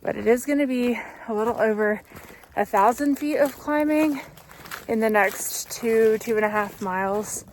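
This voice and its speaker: A woman's voice: a little high, normal speed, darkish tone, slight background noise. A young adult woman chatting casually to her camera outdoors on a mountain hiking trail. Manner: chatty and upbeat, talking to the camera while walking. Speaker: hiking vlogger. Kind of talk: casual trail vlog narration.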